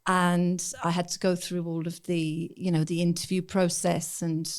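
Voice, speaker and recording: A woman's voice: fairly low pitch, little pitch movement, moderate pace, clean tone. Woman in her fifties telling her story. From Ireland. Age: 50s. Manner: open, reflective storytelling. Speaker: podcast guest. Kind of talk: casual chat.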